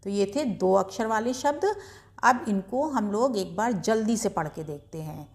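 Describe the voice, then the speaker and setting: A woman's voice: mid-range voice, moderate pace. A woman teaching beginners to read, patiently sounding out each syllable and stressing the long vowels. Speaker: Hindi reading teacher. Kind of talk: slow beginner reading lesson.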